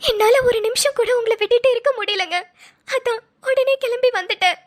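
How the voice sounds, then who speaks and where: A woman's voice: very high voice, quick pace, sharp tone. A woman voicing a tearful, apologetic young wife in a cartoon, speaking colloquial Tamil Nadu Tamil. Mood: pleading. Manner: pleading, apologetic.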